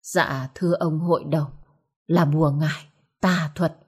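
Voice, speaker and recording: A woman voicing a cautious older male healer who speaks gravely and deferentially. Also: sits low, fairly even intonation, unhurried.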